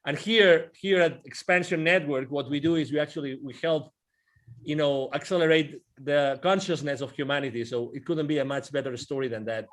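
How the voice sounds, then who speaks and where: A man's voice: fairly high pitch, brisk, fairly bright tone. A man co-hosting a casual interview, rambling and enthusiastic, often repeating words. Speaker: podcast co-host.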